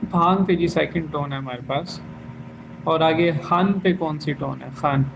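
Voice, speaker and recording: A man's voice: on the high side, a little slow, gravelly. Male language teacher running an online class, patient and methodical, on a dull and slightly hissy line. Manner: patient, checks students' answers one by one.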